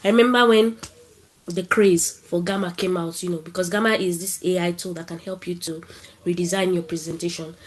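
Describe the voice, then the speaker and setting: A woman with a Nigerian accent and a cold gives a casual talk over a video call at an online tech event, chatting and putting questions to the audience. Her voice is lowish, her intonation fairly even, and her pace brisk.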